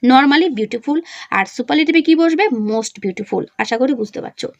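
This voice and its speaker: High-voiced Bengali woman teaching. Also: animated, no echo, muffled recording. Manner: explains step by step, asks the class questions and answers them herself; reads example sentences slowly. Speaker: English teacher. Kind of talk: exam revision lesson.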